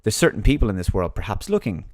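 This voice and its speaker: A man's voice: on the low side, very animated, fast, a little mellow, dry recording, clean studio sound. A man giving a monologue commentary, reading out an article and mocking his opponents in sarcastic put-on voices.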